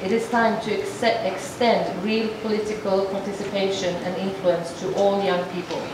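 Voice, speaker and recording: A woman's mid-range voice, distant and swimming in the echo of a large hall, interprets a formal speech for sign language in a measured, halting manner, restarting phrases often. A steady background noise persists throughout the noisy recording.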